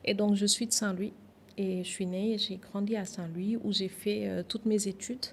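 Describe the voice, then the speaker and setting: A woman's voice: mid-range voice, fairly even intonation, normal speed, a little hiss or hum. Woman speaking thoughtfully. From Senegal. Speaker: podcast guest, author. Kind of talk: podcast interview.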